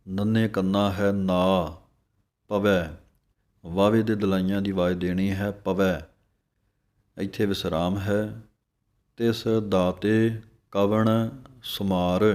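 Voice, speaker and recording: ਹੌਲੀ, ਸਪਸ਼ਟ ਪਾਠ ਸਿਖਾਉਂਦਾ ਆਦਮੀ. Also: male voice, deep voice, flat delivery, darkish tone. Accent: Punjabi. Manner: slow, drawn-out recitation alternating with explanation. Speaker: religious teacher. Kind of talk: slow pronunciation lesson.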